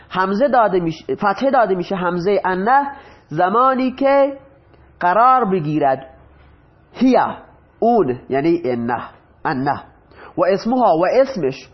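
A man with a fairly high voice teaches a grammar lesson. He goes through example sentences slowly and keeps asking his students questions, then answers them himself. The recording sounds dull and lo-fi. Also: slightly rough. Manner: reads Arabic examples slowly, then translates. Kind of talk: Arabic grammar lesson explained in Persian.

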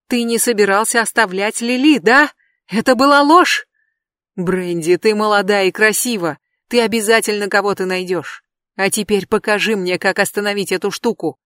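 A reader voicing a breathless male police officer who shouts urgent commands. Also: medium pitch, dry recording, studio quality, close to an everyday voice.

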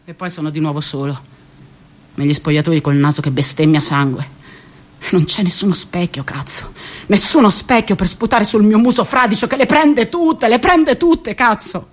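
In a radio theatre monologue, a woman plays a bitter, cocky, jobless thirty-year-old man who is restless and profane, shifting between mutters and outbursts. Her medium-pitched voice is lightly acted at a moderate pace, with a defiant, bitter mood.

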